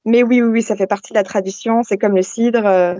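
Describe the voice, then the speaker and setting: A woman's voice: medium pitch, fairly even intonation, brisk, warm tone, no echo. A young woman from Brittany calling in to a radio show over an internet call, speaking hesitantly with many fillers. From Brittany, France. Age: young adult. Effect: caller heard over an internet call line. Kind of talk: casual call-in chat. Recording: dull, dry internet call audio.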